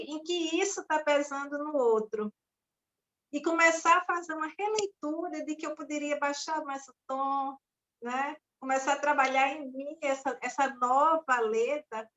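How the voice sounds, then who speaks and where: A woman's voice: high-pitched, a bit bright, poor audio. A woman responding thoughtfully in a study group discussion, searching for words as she goes. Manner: hesitant, many fillers and restarts, reflective.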